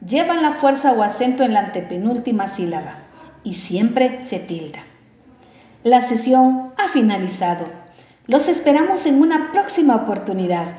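A woman teacher giving a recorded lesson, speaking slowly and deliberately and stretching out her example words. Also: fairly high pitch, warm tone. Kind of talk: recorded distance-learning lesson. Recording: roomy, slightly dull sound.

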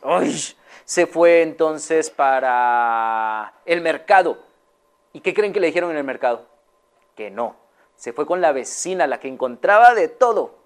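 A woman telling a children's story aloud, drawing her listeners in with questions. Her voice rises and falls in wide, lively sweeps, with slow, dramatic pauses. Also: low voice. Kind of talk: children's story reading to an audience.

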